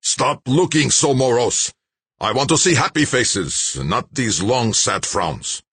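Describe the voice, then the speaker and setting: A man reading aloud voices a gruff, rasping old patriarch who demands cheer despite his illness. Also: mid-range voice, animated, takes it slowly, fairly bright tone, no room sound, voice pushed up, exaggerated voice. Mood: blustering.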